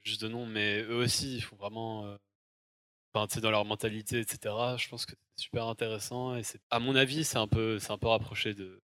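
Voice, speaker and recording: A man's voice: on the low side, flat delivery, brisk, bright, forceful tone, clean tone, no room sound. A man casually interviewing someone, speaking informally with tentative phrasing. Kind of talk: casual conversation.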